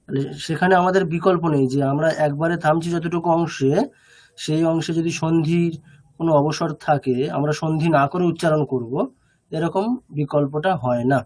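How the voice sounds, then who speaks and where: A male teacher speaks over a video call in a somewhat high voice. He explains slowly and patiently, repeats his points, and keeps checking whether his students follow. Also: fairly even intonation, a little mellow. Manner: patient, repetitive, often checks understanding. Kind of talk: online class lecture.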